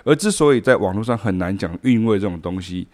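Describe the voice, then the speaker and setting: A low-pitched man speaks with a Taiwanese Mandarin accent. He gives a podcast lesson on music, explaining step by step and often singing rhythms in scat syllables. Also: expressive, fast, darkish tone. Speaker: music teacher.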